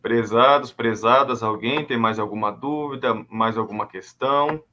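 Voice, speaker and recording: A man's voice: mid-range voice, moderate pace, pushed and bright, muffled recording. A man moderating a live online talk over a computer mic, friendly, reading out the chat and addressing the viewers.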